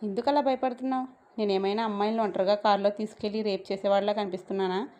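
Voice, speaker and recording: A woman's voice: medium pitch, fairly even intonation, rapid-fire, darkish tone, close to an everyday voice. A woman voicing a brash young man who bosses and teases a girl in a romance story. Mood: teasing. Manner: bossy and mocking.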